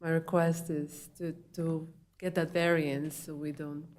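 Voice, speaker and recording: A woman with a Bulgarian accent speaks in a low register with very little rise and fall. She explains her case haltingly and informally, as an applicant at a public hearing. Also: little pitch movement, darkish tone. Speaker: applicant, homeowner. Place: public meeting room.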